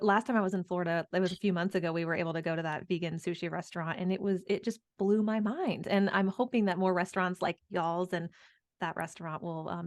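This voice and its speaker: A woman hosting a podcast interview, affirming her guests eagerly and asking questions. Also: on the low side. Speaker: podcast host. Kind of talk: casual interview.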